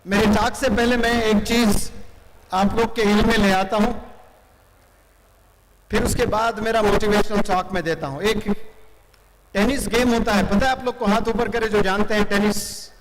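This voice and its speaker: A man's voice: high-pitched, steady tone, normal speed, pauses often, slight background noise. A man giving a motivational lecture to students, speaking emphatically and switching between Hindi-Urdu and English. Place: large hall with audience. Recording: reverberant hall.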